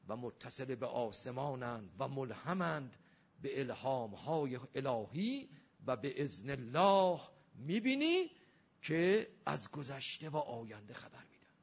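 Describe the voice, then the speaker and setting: A man's voice: medium pitch, slightly rough. A man giving a religious lecture, arguing with rhetorical questions and emphatic rising delivery. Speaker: Shia cleric lecturer. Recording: dull lo-fi recording.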